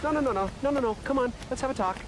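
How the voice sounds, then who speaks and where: A man's voice: very high voice, racing, noisy background. An actor playing a resentful male TV reporter, sarcastic and bitter, live on location. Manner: bitter, sarcastic, builds to shouting. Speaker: field news reporter. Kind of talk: film comedy acting.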